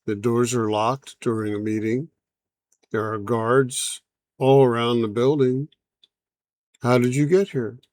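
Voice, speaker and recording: A man's voice: mid-range voice, little pitch movement, takes it slowly, pauses often, darkish tone, no echo, studio quality, lightly acted. A man playing a polite, flustered president. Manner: polite, bureaucratic objections. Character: flustered male world leader, polite but firm.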